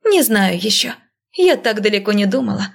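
Woman doing a grumpy young woman, sharp-tongued, pitched up high; audiobook character voice. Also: expressive, normal speed. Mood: grumbling. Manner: grumbling, snappish. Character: grumbling bandaged young woman in hiding, stubborn and sharp-tongued.

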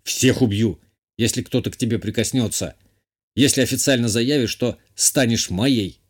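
A man's voice: mid-range voice, expressive, warm tone, close to an everyday voice. Man playing a tense young hero, holding in anger. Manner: measured, holding back anger. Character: tense young male noble hero, restrained but quick-tempered.

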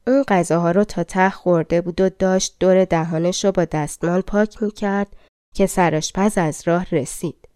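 A woman narrating a fairy-tale audiobook in a calm, colloquial storytelling manner, close to the mic. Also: fairly low pitch, smooth, no echo.

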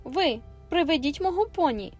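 A woman's voice: sits high, animated, moderate pace, darkish tone, faint music behind, voice pushed up. A woman voicing a spoiled, bossy young girl in an audiobook, imperious and indignant. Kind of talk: audiobook character voice.

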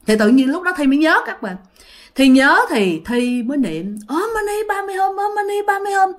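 A woman with a Southern Vietnamese accent telling her own ghost story dramatically, speaking straight to her listeners. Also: a little high. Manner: dramatic, emphatic, addresses listeners directly. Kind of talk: first-person ghost story told to listeners.

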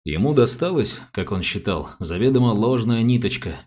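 A man narrating an audiobook with an even, unhurried reading. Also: mid-range voice. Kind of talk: scripted narration.

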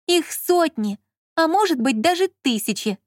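Бойкая насмешливая молодая женщина, которую озвучивает чтица звонко и напористо отчитывает собеседника, голос заметно выше и громче обычного. Запись сухая, без эха. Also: female voice, high voice, expressive, measured pace, dry recording, clean studio sound, voice pushed up. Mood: mocking. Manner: mocking, emphatic. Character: bossy sharp-tongued young woman, fussing.

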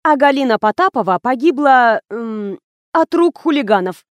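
A woman's voice: on the high side, expressive, moderate pace, no room sound, close to an everyday voice. A woman voicing a stern woman investigator who talks in curt, commanding lines.

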